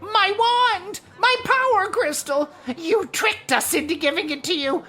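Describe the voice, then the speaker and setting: A woman voicing a small, shrill, suspicious cartoon creature in a video game, huffy and questioning. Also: unhurried, sharp tone, faint music behind, heavily acted. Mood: outraged. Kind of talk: video game character acting.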